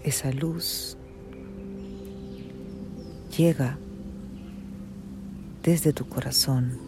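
A soothing guided meditation narrator speaks at a very slow pace, as in a sleep story. The voice is hushed and medium in pitch, with long pauses between short phrases. Music plays clearly behind the words. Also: steady tone.

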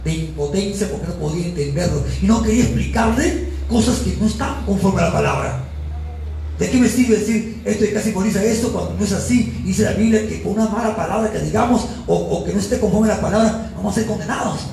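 A man's voice: high-pitched, fast, creaky, a little mellow. A man preaching a sermon as pastor, telling his story with fervor. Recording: echoey church room with faint noise.

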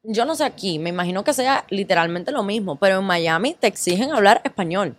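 A woman with a Cuban accent, a guest in a casual interview, telling her story lively and mixing English words into her Spanish. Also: medium pitch, fairly quick. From Cuba.

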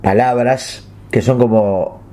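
Rioplatense dude telling absurd bits deadpan, warm dark voice. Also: male voice, medium pitch, slow. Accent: Rioplatense Spanish. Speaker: co-host. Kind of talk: casual comedic banter.

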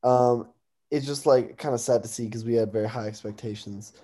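A man's voice: mid-range voice, fairly even intonation, brisk, dark tone. A young American man co-hosting a sports talk, casually giving predictions on games.

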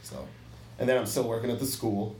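A man's voice: mid-range voice, very animated, brisk, a little mellow, a little hiss or hum. A man chatting casually on a podcast in a joking, offhand way. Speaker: podcast co-host. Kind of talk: casual chat. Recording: roomy, from far off the mic.

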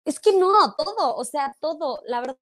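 Young woman, Mexican accent, high-pitched, bubbly, gushing, laughs often, dry close sound. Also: lively intonation, normal speed, fairly bright tone, dry recording. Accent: Mexican Spanish. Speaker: guest, social media creator. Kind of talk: casual interview chat.

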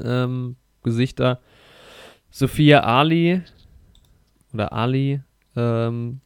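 A man's voice: medium pitch, clear, resonant tone, dry recording, clean studio sound. A man chatting casually while reviewing a film on a podcast, rambling with many fillers and restarts and enthusiastic slang.

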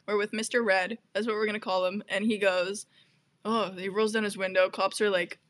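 A woman's voice: medium pitch, level tone, a little fast, fairly bright tone. A young woman co-hosting a podcast who chats and rambles casually, with many "like"s. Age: young adult. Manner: chatty, rambling, lots of "like". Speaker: podcast co-host. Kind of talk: casual chat.

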